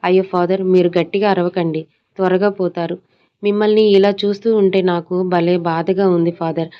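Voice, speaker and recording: A woman's voice: fairly low pitch, fairly even intonation, brisk, clean tone, lightly acted. A woman storyteller voicing a cruel young male kidnapper who taunts his victim with false sweetness, on a dull lo-fi recording. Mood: gloating.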